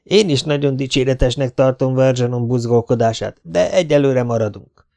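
A man's voice: medium pitch, gravelly, dark tone, lightly acted. A man voicing an angry, stubborn male team leader in an audiobook, heated and defiant. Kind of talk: audiobook character voice.

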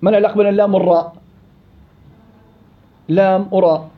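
Guy teaching tajweed, high voice, rattles off questions to the class, muffled lo-fi audio. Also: flat delivery. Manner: quizzing students with quick questions. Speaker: Quran recitation teacher. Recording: dull lo-fi classroom recording.

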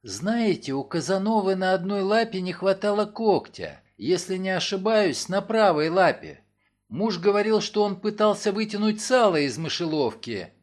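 Male narrator doing a shaky, high-pitched young widow, audiobook. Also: very animated, normal speed. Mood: trembling. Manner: trembling, higher voice. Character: frightened young widow, trembling, fragile.

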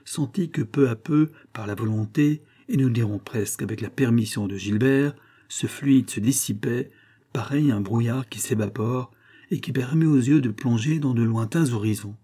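Husky, dark-voiced male audiobook reader. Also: mid-range voice. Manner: even, deliberate reading. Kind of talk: scripted narration of a classic novel.

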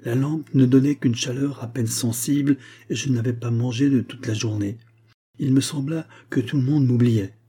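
Male audiobook narrator, mellow and husky, measured first-person storytelling. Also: medium pitch, steady tone.

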